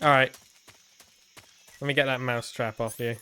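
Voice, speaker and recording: A man's voice: mid-range voice, steady tone, normal speed, bright, forceful tone, a little hiss or hum. A man giving playful, informal commentary while playing a video game. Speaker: gamer hosting a playthrough.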